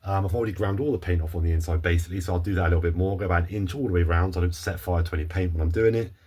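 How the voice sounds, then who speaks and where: A man with a low, husky voice talks his way through a rusty car repair in his garage. He is chatty and a bit self-doubting, thinking out loud as he works. His tone is warm and mellow rather than bright. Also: very fast. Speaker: car restoration vlogger. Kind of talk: casual workshop vlog commentary. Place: home garage, under a car.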